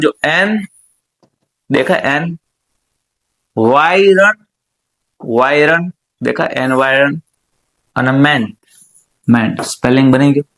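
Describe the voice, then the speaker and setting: A young man teaching an English spelling lesson, repeating words and checking that students understand. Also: sits high. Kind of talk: classroom lesson.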